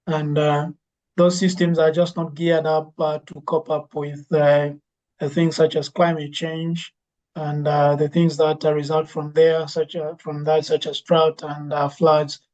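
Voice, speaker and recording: A woman lecturer gives a presentation in an even, level voice that rarely rises or falls. She hesitates often, filling pauses and restarting sentences. The recording sounds dull and lo-fi. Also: low-pitched. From Zambia. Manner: hesitant, many fillers and restarts. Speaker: university lecturer and legume breeder giving a talk. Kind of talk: conference presentation.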